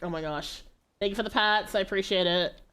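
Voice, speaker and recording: Woman, game streamer, casual chat with viewers, medium pitch, animated, theatrical exclamations. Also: a little fast, smooth. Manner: animated, playfully dramatic, exclaiming and pleading. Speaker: livestreamer hosting a game stream.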